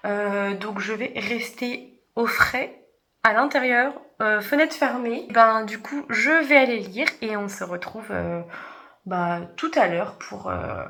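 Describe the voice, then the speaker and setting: Young female book vlogger, relaxed and halting, voice on the high side. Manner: hesitant, many fillers. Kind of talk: casual vlog chat.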